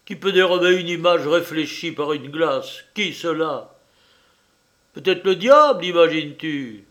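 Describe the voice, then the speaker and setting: Man voicing tiny decrepit old man, shrill, sardonic, scornful, loud, audiobook character. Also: moderate pace, close to an everyday voice. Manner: shrill, jeering, scornful outbursts.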